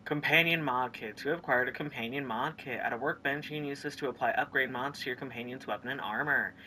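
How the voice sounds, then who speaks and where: A gaming streamer giving let's play commentary, excitable and rambling, reading the game's text aloud between reactions. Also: mid-range voice, quick pace, a little hiss or hum.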